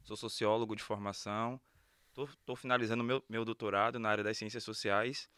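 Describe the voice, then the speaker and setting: A man's voice: fairly low pitch, flat delivery, fairly quick, a bit bright, smooth, dry recording, studio quality. A man, a sociology professor and guest on a podcast, speaking in an earnest, reflective way. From Salvador, Brazil. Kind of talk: casual podcast conversation.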